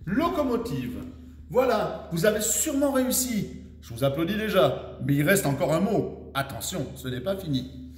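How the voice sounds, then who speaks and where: A man teaching young children, dictating words slowly syllable by syllable and encouraging them, recorded far from the mic in an echoey room. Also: high voice, very animated. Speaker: primary school teacher. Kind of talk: slow dictation lesson for children.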